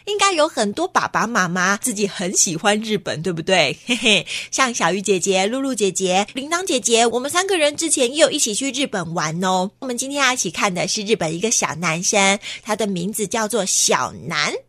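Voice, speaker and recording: A woman's voice: medium pitch, animated, brisk, hardly any pauses, a bit bright, no echo, clean studio sound. A woman reading and telling a children's story, talking directly to the young listeners and asking them questions.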